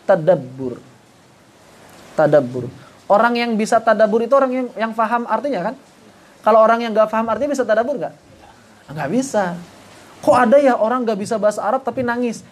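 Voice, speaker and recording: A man teaching an online Quran recitation class. He poses rhetorical questions, answers them himself, and chants short passages as examples. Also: sits high. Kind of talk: online tajwid lesson.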